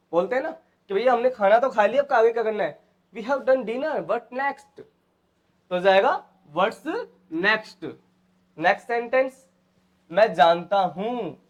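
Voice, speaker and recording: Indian man teaching English phrases. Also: high-pitched. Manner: repeats each phrase and quizzes students. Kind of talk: spoken English lesson in Hindi.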